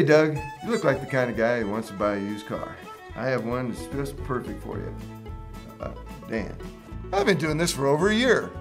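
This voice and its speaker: A man plays a pushy, shady used-car salesman in a comic commercial. His hard sell is full of bluster, with very lively swings in pitch. Music plays clearly behind him.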